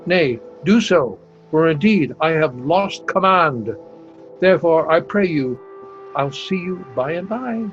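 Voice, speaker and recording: Over a dull lo-fi video call with faint background music, an amateur reader voices a grey-flecked, self-reproaching older general, despairing and shamed, in a Shakespeare read-aloud. He halts and stumbles, breaking into exclamations, his fairly high, animated voice sounding resigned and despairing.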